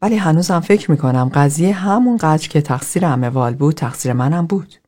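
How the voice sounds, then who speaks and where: Earnest man opening up to a therapy group, read by a woman, measured, mellow and low. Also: animated. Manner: confessional, measured storytelling.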